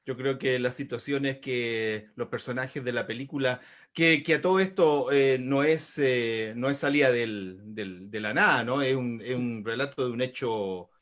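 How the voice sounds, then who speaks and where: A man's voice: medium pitch, measured pace, hardly any pauses, fairly bright tone. A Chilean man speaking as a guest in an online panel discussion, reflective and colloquial. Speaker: guest, theatre director.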